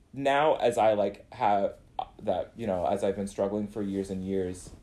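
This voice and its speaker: A man's voice: on the low side, dark tone. A man co-hosting a podcast, talking earnestly and reflectively in casual chat, often searching for words. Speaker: podcast co-host.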